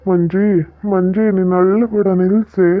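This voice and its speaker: An actor with a North Karnataka Kannada accent playing a pushy, lecherous middle-aged village moneylender with a coaxing drawl. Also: male voice, high voice, level tone, measured pace. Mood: leering. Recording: tinny phone-like audio.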